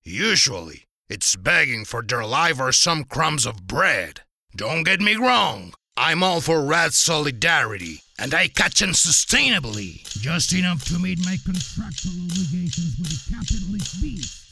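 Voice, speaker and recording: A man voicing a smug, gravelly lecturing cat. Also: a little high, sing-song, unhurried, pushed and bright, a little hiss or hum, exaggerated voice. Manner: mocking, lecturing, laughs at his own jokes. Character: smug male cat, talkative revolutionary.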